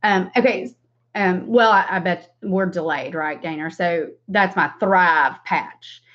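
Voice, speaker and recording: Slow and fairly low-pitched, this Southern-drawling woman in her forties rambles casually during a livestream makeup tutorial, tossing in self-deprecating comments. She hosts beauty streams and sells makeup, and the recording is a dull lo-fi webcam stream.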